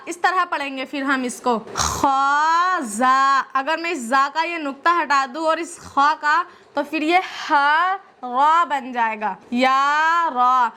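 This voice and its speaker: Female Quran reading teacher, unhurried and clear, stretches out letter names, high, sparkling voice. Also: pushed and bright. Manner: slow, drawn-out letter names. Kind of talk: patient step-by-step lesson.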